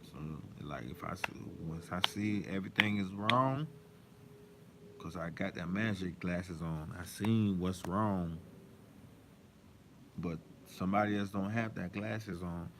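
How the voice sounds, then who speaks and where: Deep-voiced man, rambling and emphatic. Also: unhurried. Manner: rambling, emphatic, repeats himself. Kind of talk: casual monologue. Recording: faint background noise.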